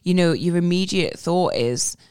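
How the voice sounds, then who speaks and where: Chatty woman with a smooth voice. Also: on the low side, normal speed, darkish tone, no room sound, clean studio sound. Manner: chatty, self-interrupting, laughs while talking. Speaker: podcast panelist. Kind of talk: casual football podcast chat.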